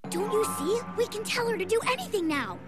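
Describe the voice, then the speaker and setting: A woman's voice: very high-pitched, sing-song, brisk. A woman voicing a vain, scheming young girl who talks smugly. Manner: smug and conniving. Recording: loud background music.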